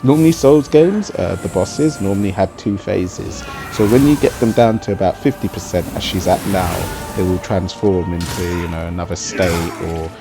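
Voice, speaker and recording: A man's voice: deep voice, fairly even intonation, moderate pace, creaky, few pauses. A man giving casual gameplay commentary in an explanatory, conversational way. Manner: explanatory and conversational, often tagging on "you know". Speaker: gaming video commentator. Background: music under the voice.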